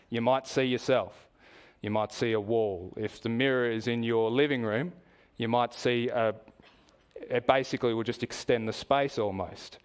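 An Australian-accented man preaches a sermon in a church, measured and explanatory in tone, asking the congregation questions. His voice is medium in pitch.

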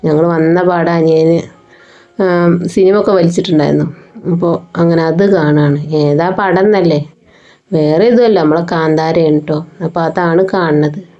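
A woman's voice: deep voice, normal speed, mellow. A woman, a mother narrating her family vlog in a chatty, homely way. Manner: chatty, homely storytelling with frequent fillers. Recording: slightly dull lo-fi sound, faint music behind.

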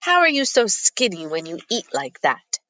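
A woman voicing a loud, hard, stingy female egg seller in an audiobook who talks dismissively. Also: lowish voice, wildly swooping pitch, normal speed, no echo, exaggerated voice. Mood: mocking. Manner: bellowing, dismissive.

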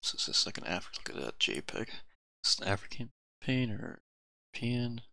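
Male gamer, low and gravelly with a very sharp edge, casual slangy commentary, faint background noise. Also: sing-song, fairly quick, no room sound.

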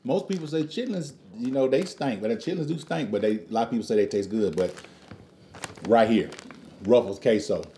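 A man's voice: mid-range voice, brisk, warm tone, a little hiss or hum. A middle-aged man chatting casually and playfully as he hosts a snack review at home. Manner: joking, playful, chuckles as talking. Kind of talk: casual food review chat. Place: living room at home, indoors.

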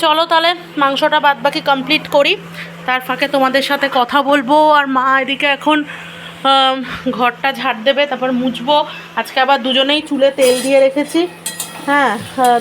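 A woman with a hoarse voice from a cold, chatting casually to viewers in a home vlog from her kitchen. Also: high voice. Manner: chatty, addresses viewers directly. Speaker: vlogger. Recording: noisy home recording.

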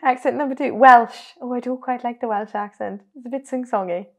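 A woman's voice: on the high side, fairly quick. A young woman co-hosting a podcast in casual chat, giggling and cutting herself off mid-sentence as she ranks things. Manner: chatty, giggly, self-interrupting. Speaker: podcast co-host.

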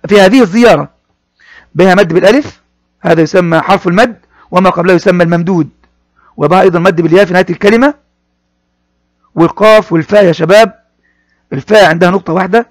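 Male teacher, high-pitched, slow repetitive explanations for young pupils, dry close sound. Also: dry recording. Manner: explains each word slowly, addressing pupils, repeating phrases. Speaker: primary school teacher. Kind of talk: classroom reading lesson.

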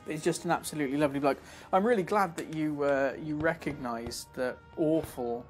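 A man narrates his gameplay in a loose, chatty stream, his voice sitting a little above the usual male register. He trades in quick gasps and little exclamations between friendly asides, and game music plays clearly behind him. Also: fairly high pitch. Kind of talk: live gameplay commentary.

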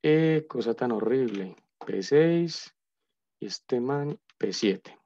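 Speaking slowly and expressively, a Colombian man with a medium-pitched, dark-toned voice gives a casual live coding lesson as a university lecturer. He's talkative, thinking aloud and humming nonsense while he types. The sound is dull, lo-fi and dry.

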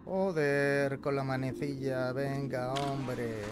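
A man's voice: fairly even intonation, slow. A man with a Peninsular Spanish accent giving casual, sweary, scared commentary as he streams a horror game. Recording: loud rumbling noise behind voice.

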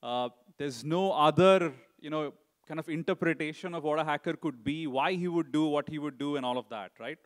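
A middle-aged conference speaker gives his talk conversationally, frequently ending sentences with "right?" and filling pauses with "you know." His voice is slightly high.

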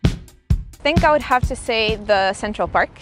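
A woman's voice: fairly high pitch, unhurried, over music. A young woman from Portugal, an engineering student giving enthusiastic interview answers outdoors in a square. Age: young adult.

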